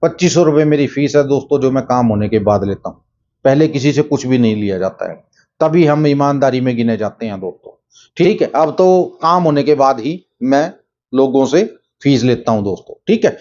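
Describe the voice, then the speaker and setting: A man's voice: medium pitch, lively intonation, normal speed, darkish tone, a little hiss or hum. Middle-aged man telling a story. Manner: retells dialogue, many filler phrases. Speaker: dream-telling video host. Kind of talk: casual spoken storytelling. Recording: dull lo-fi sound.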